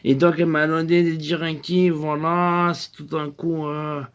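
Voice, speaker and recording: A man's voice: on the high side, flat delivery, measured pace, clean tone. A man rambling through an improvised comic monologue, full of fillers and repeats, cooing in baby talk to a pretend infant. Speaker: comedy sketch performer.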